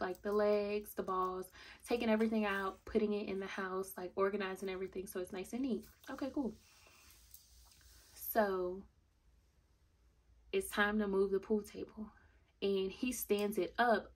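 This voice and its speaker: A woman's voice: medium pitch, breathy edge. A young woman telling a storytime vlog, blunt and indignant, talking straight to her viewers. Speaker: vlogger.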